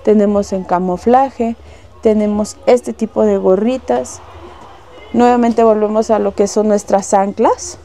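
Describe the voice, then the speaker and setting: A woman's voice: mid-range voice, steady tone, unhurried, mellow. A Mexican woman working in a shop, showing goods and listing wholesale prices in a casual way, with lots of little diminutives. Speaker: shop saleswoman. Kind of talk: casual product showcase. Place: shop indoors.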